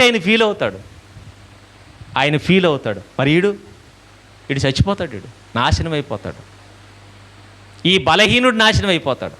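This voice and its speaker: A man's voice: fairly high pitch, a bit bright. A male preacher giving a sermon, asking questions and answering them himself while acting out little dialogues.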